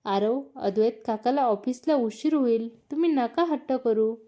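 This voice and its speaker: A woman reading as a brisk, scolding sister-in-law. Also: on the high side, mellow, natural voice. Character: sharp-tongued young housewife, sister-in-law.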